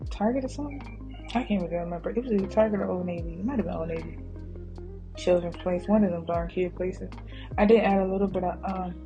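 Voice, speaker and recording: A woman's voice: medium pitch, low-quality recording. A woman narrating her own cooking video as a casual voice-over, chatty and rambling, often drifting into side stories and talking straight to her viewers. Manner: laughs easily, addresses viewers as y'all. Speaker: home cooking vlogger. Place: voice-over added to kitchen footage. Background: background music.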